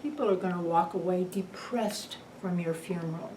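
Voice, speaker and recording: A woman's voice: lowish voice, moderate pace, mellow, a little hiss or hum, natural voice, low-quality recording. An older woman playing a blunt, long-married wife who teases her husband in a dry way. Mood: wistful. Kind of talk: film drama acting.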